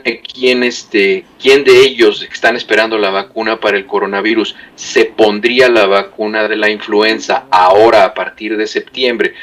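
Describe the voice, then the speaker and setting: A man, a guest commentator on a talk show, explaining in a measured way with frequent fillers. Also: on the low side, fairly bright tone.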